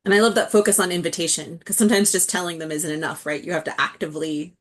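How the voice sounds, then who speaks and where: A woman's voice: on the low side, steady tone, quick pace. A woman moderating a webinar panel, affirming answers and asking friendly follow-up questions over a video call. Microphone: video call mic.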